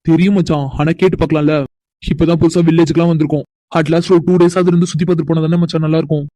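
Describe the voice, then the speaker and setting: A man's voice: on the high side, flat delivery, rapid-fire, dark tone, dry recording, natural voice. A man voicing an eager young city man in a cartoon, who coaxes his cousin into asking for more time. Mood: coaxing. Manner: coaxing, persuasive. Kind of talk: cartoon voice acting.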